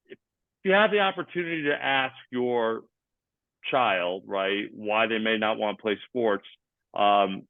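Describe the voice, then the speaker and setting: A man's voice: mid-range voice, dry recording. Man explaining over a tinny line. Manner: explains jargon in plain terms, uses sports examples. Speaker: ADHD athlete coach. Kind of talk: explaining in conversation. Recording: tinny phone-like line, dry.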